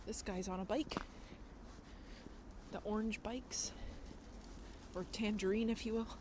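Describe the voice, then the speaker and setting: Unhurried and fairly even in intonation, this woman has a mid-range voice and a noisy background. An IRL streamer out on the city streets at night, she reads viewer comments in a chatty way, laughs often, and is slightly nasal while recovering from a cold.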